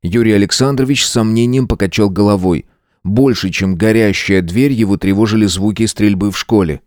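A man reading an audiobook in a steady, measured narration. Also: lowish voice, no echo, clean studio sound. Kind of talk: scripted narration.

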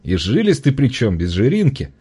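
A man's voice: mid-range voice, wildly swooping pitch, normal speed, mellow, husky, voice pushed up. A man voicing a cheerful young thief greeting an old friend in an audiobook. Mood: hearty.

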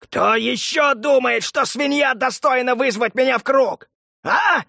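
A man voicing a brutal, furious male crime boss who snarls and shouts, in a storybook reading. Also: high-pitched, lively intonation, creaky, slightly rough, no room sound, clean studio sound, pitched above the performer's own voice, heavily acted. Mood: enraged. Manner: snarling, shouting, drawn-out threats.

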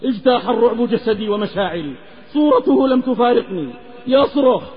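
A man's voice: extremely high pitch, expressive, fairly quick, a crowd in the background. A man from the Hijaz preaching a sermon in an impassioned, half-chanted delivery. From Hijaz, Saudi Arabia. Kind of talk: Islamic sermon with a moral tale. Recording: lecture recording with long reverb, slightly dull.

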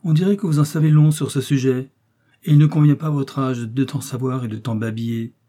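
A man's voice: medium pitch, steady tone, brisk, warm tone, natural voice. A man reading the part of a scolding innkeeper's wife in an audiobook.

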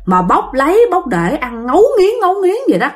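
A woman narrating a ghost story, her voice pitched a little high. She keeps it chatty and speaks straight to her listeners. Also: very animated, brisk, a little mellow. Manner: chatty, addresses listeners directly.

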